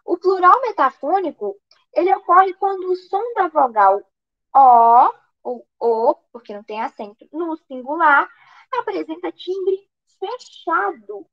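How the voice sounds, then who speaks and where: A woman with a Brazilian accent, her voice very high-pitched and very animated, tutors an online grammar lesson for exam prep at an unhurried pace. She poses questions and answers them herself, restarting often, and the highs in the audio are cut off.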